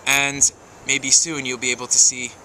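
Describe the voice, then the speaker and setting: A man's voice: mid-range voice, completely flat delivery, moderate pace, sharp tone, a little hiss or hum. A man hosting his video blog outdoors in his backyard, musing aloud in a chatty, self-promoting way. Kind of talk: casual vlog monologue.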